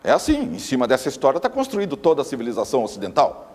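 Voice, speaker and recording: A man's voice: medium pitch, wildly swooping pitch, fast, a little mellow. Emphatic man lecturing in hall. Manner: emphatic, repeats words for stress. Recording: long reverb of a hall.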